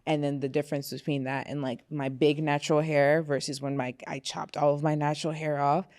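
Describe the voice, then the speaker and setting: A woman's voice: sits low, level tone, fairly quick, darkish tone. A young woman from Florida chatting candidly as a podcast guest, laughing often and using fillers like "you know". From Florida, USA. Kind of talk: casual podcast chat.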